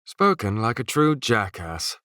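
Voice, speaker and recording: A man's voice: on the low side, sing-song, a little slow, fairly bright tone, no echo, clean studio sound, voice pushed up. A man voicing a crude, bossy young male ship captain who barks coarse orders. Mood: sardonic.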